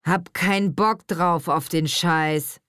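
A woman's voice: medium pitch, slow, sharp tone, clear, resonant tone, no echo, clean studio sound, voice pushed up. A woman voicing a rude, sneering teenage schoolboy who uses crude slang.

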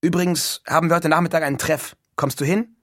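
A man reading an audiobook and voicing an impulsive, enthusiastic teenage boy, speaking loudly and emphatically in a husky voice. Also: a little high, fairly even intonation, fast, dry recording, clean studio sound, pitched above the performer's own voice, natural voice. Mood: insistent. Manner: loud and emphatic, swept up in enthusiasm. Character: eager excited teenage boy, impulsive dreamer.

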